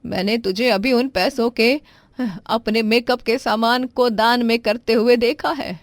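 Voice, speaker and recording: A woman's voice: fairly high pitch, fairly even intonation, no echo. Woman doing a stern, suspicious mother-in-law. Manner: slow, questioning, scolding.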